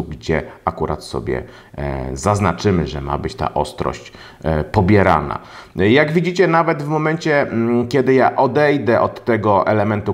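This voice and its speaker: A man reviewing a phone in a casual video, often pausing with drawn-out fillers. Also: low voice. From Poland. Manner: hesitant, many drawn-out fillers. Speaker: tech reviewer. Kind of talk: product review narration. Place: home room with a large monitor.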